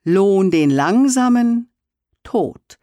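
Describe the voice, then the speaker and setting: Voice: mid-range voice, animated, drawn-out words, dark tone, dry recording, clean studio sound, pitched above the performer's own voice. A reader voicing a proud, fierce young huntress in a solemn verse recital. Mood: stern.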